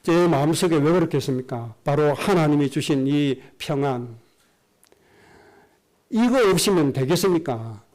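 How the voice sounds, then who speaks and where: Pastor, middle-aged guy, earnest sermon storytelling, voice sits a bit high. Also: expressive, moderate pace, a little mellow. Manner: earnest storytelling, acts out quoted speech.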